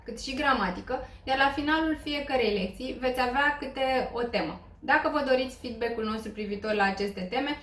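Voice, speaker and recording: A woman's voice: fairly high pitch, a bit bright. A woman from Romania teaching an online language lesson, explaining patiently with frequent hesitant fillers. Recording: roomy echo.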